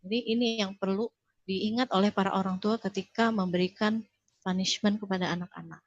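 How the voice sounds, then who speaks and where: A woman's voice: medium pitch, fairly even intonation, brisk, dry recording, dull audio. Earnest woman teaching parents. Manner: earnest, instructive, addresses parents directly. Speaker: parenting speaker. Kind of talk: webinar talk.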